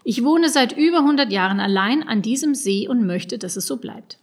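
A woman's voice: on the high side, animated, normal speed. A woman voicing a grumpy male forest kobold over a hundred years old, indignant and lecturing, in a storybook reading.

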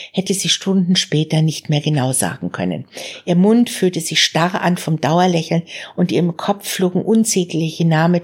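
A woman narrates an audiobook in a calm, measured manner. Her voice is low and husky, and the reading is steady throughout.

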